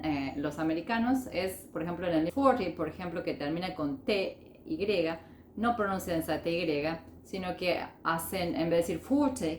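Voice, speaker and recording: A woman teaching an online language lesson. She keeps checking in with her students and slows down to model example phrases. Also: fairly low pitch, roomy sound, slight background noise. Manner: checks in constantly with "ok?" and "sí?". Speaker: English teacher.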